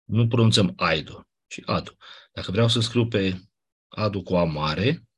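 A man teaching a class, explaining step by step in a conversational way with quick asides. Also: on the low side, breathy edge. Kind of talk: classroom lecture.

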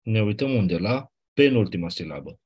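Guy teaching a class, lowish husky voice, patient, repeats stuff. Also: animated, highs cut off. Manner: explains patiently, counts syllables aloud, repeats key rules. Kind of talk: classroom lecture on Ancient Greek accents.

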